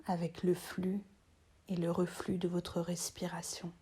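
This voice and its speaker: Guiding listeners through relaxation, a woman teaching yoga speaks in short phrases separated by long pauses. Her tone is soft, breathy and half-whispered, calm and slow, with a lowish pitch and flat delivery.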